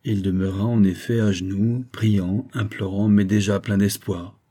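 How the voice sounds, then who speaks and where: Man reading with a low, dark, husky voice. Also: flat delivery, unhurried. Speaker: narrator. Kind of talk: audiobook narration.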